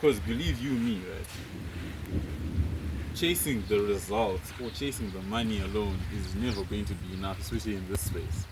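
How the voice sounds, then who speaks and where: A Zimbabwean vlogger in his twenties talks to the camera casually and earnestly, rambling with plenty of fillers. His voice is fairly low at a normal speed, with noticeable background noise from rain.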